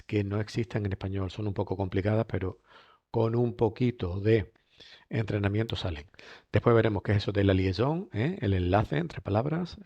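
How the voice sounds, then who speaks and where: A man's voice: fairly low pitch, vocal fry, darkish tone, dry recording, lo-fi sound. A man teaching a French lesson in a chatty way, often asking rhetorical questions. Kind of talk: recorded lesson.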